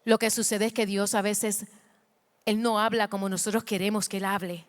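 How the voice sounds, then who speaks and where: A woman pastor preaching a sermon with passion, moving between hushed and loud passages, moved by her own words and calling the congregation to repeat after her. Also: mid-range voice, little pitch movement, normal speed, in a large hall.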